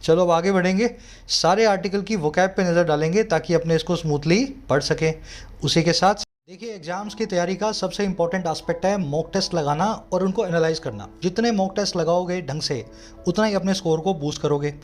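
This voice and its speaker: A male English tutor with an Indian accent, his voice sitting high for a man. He goes through vocabulary one word at a time, slowing down to read out each example sentence. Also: faint music behind. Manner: explains each word slowly and reads example sentences in a measured way. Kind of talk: vocabulary lesson.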